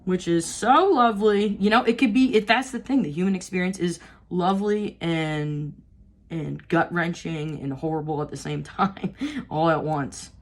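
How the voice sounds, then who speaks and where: A woman's voice: on the low side, moderate pace. A young adult woman giving a tarot reading, talking candidly, swearing freely and filling her speech with restarts and "you know," then reading aloud from her notes. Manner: reads aloud from notes between asides. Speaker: tarot reader. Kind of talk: casual spiritual reading.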